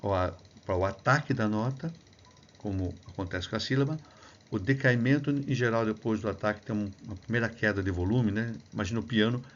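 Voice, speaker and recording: A Brazilian music researcher and clarinet teacher gives a recorded lecture on phonetics and music, explaining step by step and sounding out sample syllables aloud. His low-ish voice is brisk, and he keeps adding a checking "né?" The recording is muffled with a little hiss or hum.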